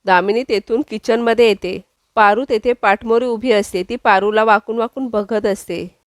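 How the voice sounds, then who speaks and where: A woman's voice: fairly high pitch, steady tone, moderate pace, no echo. A woman narrating a scripted recap of a TV drama, reading the characters' lines herself. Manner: reads quoted dialogue in her own voice.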